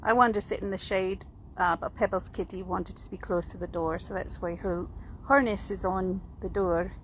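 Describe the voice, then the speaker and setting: A woman with a Scottish-sounding accent vlogs from home on a handheld camera or phone, rambling casually with self-deprecating asides. Her mid-range voice is steady and at normal speed, in a rough handheld home video with clear background noise.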